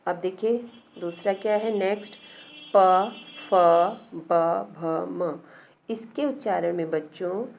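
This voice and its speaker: A woman's voice: on the low side, a little mellow. A woman teacher giving a patient classroom lesson, sounding out letters one at a time and repeating key points. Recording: dull lo-fi classroom recording.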